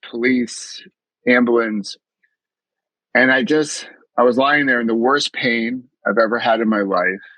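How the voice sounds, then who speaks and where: A middle-aged man from the US East Coast talks in a medium-pitched, fairly bright voice on a dry, low-quality recording. He's a mindfulness coach being interviewed as a podcast guest, earnestly reflecting on his story and often restarting his sentences.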